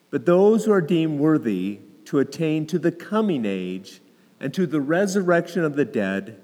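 Slow solemn male scripture reader, reverberant hall. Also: on the high side, darkish tone. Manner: measured, deliberate phrasing. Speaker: clergyman reading the Gospel. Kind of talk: solemn liturgical scripture reading.

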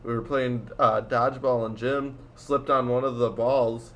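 A man's voice: medium pitch, flat delivery, measured pace, fairly bright tone, dull audio, slight background noise. A teenage boy in casual chat, rambling through a story with lots of fillers and laughs. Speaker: student storyteller.

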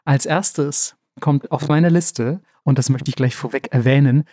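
Relaxed man retelling a fairy tale. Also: mid-range voice, a little slow, no room sound, clean studio sound. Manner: relaxed, slangy, many fillers. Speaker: podcast co-host. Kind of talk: casual storytelling chat.

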